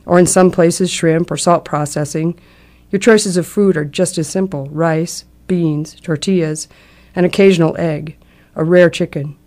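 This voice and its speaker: A middle-aged woman reads a scripted personal account in a measured, reflective public radio manner. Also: on the low side, dark tone. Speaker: essayist reading a personal travel account.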